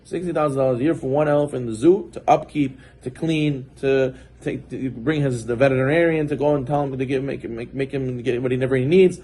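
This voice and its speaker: A man's voice: mid-range voice, steady tone, a little fast, mellow, husky. A man, a rabbi, giving a Torah class in a conversational way, acting out little scenes with his voice rising as he goes.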